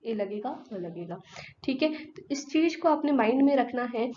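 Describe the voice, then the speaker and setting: A woman's voice: a little high, lively intonation, normal speed, muffled recording, slight background noise. A woman teacher giving an exam-prep grammar lesson. She asks her students questions and answers them herself, mixing English words into Hindi.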